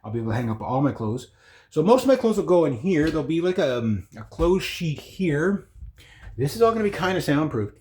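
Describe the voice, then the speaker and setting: Man, casual vlogger, informal, rambling, halting self-interruptions, echoey indoor room. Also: fairly high pitch, big pitch swings, a little mellow, a little hiss or hum. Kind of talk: casual rambling house-tour vlog. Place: indoors in an old house room.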